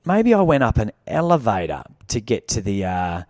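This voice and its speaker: Sweary Australian bloke telling a story. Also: male voice, on the low side, sing-song, normal speed, darkish tone, no room sound, clean studio sound. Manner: swears constantly, rambling self-mocking storyteller with restarts. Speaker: podcast co-host. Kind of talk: casual storytelling banter. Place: podcast studio.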